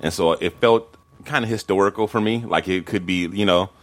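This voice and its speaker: A man's voice: low-pitched, a little fast. A man hosting a podcast in casual, informal, rambling chat. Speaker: podcast host.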